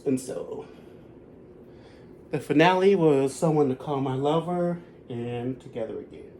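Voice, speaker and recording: A man's voice: medium pitch, measured pace, mellow, a little hiss or hum. Chatty man in his thirties. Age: 30s. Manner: chatty, rambling fan recap. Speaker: concert vlogger. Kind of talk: casual chat.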